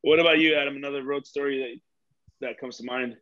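A man's voice: mid-range voice, steady tone, quick pace, a bit bright, highs cut off. A man hosting, asking his guests casual questions. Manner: brief, agreeable interjections and questions. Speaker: host. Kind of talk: interview questions.

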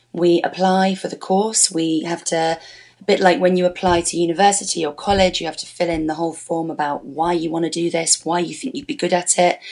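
A woman with an English accent, a professional tour guide being interviewed on a podcast, explaining things clearly and at length. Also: lowish voice. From England. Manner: clear, explanatory, lists places. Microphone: remote call.

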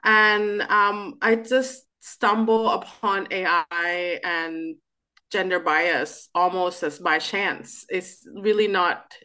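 Brief: bright-voiced woman in her thirties, Thai-born academic guest, animated. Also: lowish voice, slow. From Thailand. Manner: animated, with restarts and fillers. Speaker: guest, political scientist. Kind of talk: interview answers.

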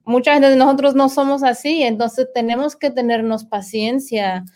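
A woman's voice: sits high, fairly even intonation, normal speed, darkish tone. A woman hosting a casual interview, speaking in a thoughtful, encouraging way. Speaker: host.

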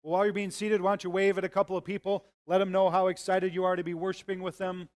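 A man's voice: sits high, little pitch movement, fast, a little mellow. A man serving as pastor, praying and preaching a sermon in an earnest, conversational way. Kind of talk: sermon with prayer and scripture reading.

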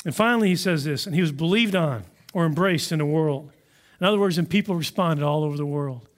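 A man preaching a sermon in a conversational, animated storytelling manner. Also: on the high side, fast talker. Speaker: pastor.

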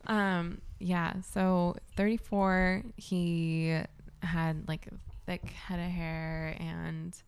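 A young woman tells a dating story on a casual podcast, cursing freely. Her voice sits a bit low and drags into gravelly vocal fry. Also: little pitch movement, extremely slow. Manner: storytelling, swearing, laughing often. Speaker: podcast co-host. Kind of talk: casual chat.

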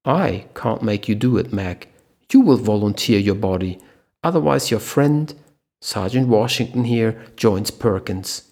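A ruthless terrorist leader, as a male narrator puts him on, cold and businesslike in an audiobook thriller. The voice is gravelly and husky, sitting low. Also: animated, unhurried, a little mellow. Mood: cold, menacing.

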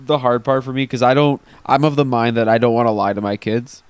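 Smooth low-voiced man, dry sound. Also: a little fast, no room sound. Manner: hesitant, lots of ums and likes. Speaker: podcast co-host. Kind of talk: casual chat.

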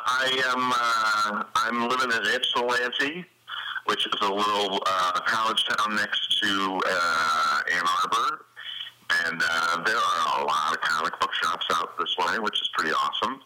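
A man's voice: lowish voice, measured pace, pushed and bright. A man calling in to a podcast, heard as a phone call played through a speaker with buzzing interference, talking in a joking, casual way. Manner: joking, playful. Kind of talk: casual chat. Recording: noisy phone line on a speaker.

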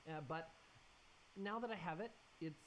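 A man's voice: fairly high pitch, a little slow, a bit bright, rough recording. A man co-hosting a podcast in casual chat, trading joking asides and reflecting at length. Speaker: podcast co-host. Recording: faint hiss.

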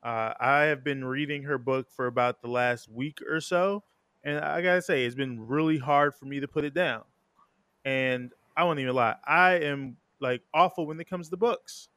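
A man's voice: medium pitch, normal speed, fairly bright tone, no room sound. A man hosting an interview podcast, talking informally and conversationally, rambling a little and correcting himself as he goes. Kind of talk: casual, conversational show introduction.

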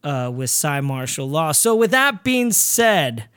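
Male podcast host, talkative, stumbling restarts, somewhat high voice. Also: big pitch swings, fairly bright tone, smooth. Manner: chatty, halting, with many restarts. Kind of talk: casual podcast interview.

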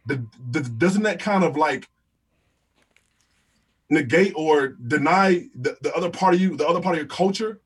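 American podcast guy, kinda husky voice, lots of ums, sits a bit back from the mic. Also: a little high, normal speed, long pauses, recorded from a distance. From United States. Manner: reflective, many ums and restarts. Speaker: podcast host. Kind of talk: round table discussion.

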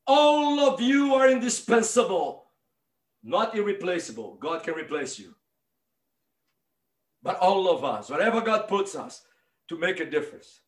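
Brief: Brazilian-accented man, Portuguese native speaker, pastor delivering a sermon, high voice, emphatic, roomy church sound. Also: sing-song, unhurried, long pauses. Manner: emphatic, building to impassioned shouts, direct address to listeners.

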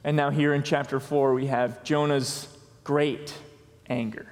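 Slow, deliberate preacher in an echoing hall. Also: male voice, mid-range voice, little pitch movement. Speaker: pastor. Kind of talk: sermon. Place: church sanctuary. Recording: long reverb of a church hall.

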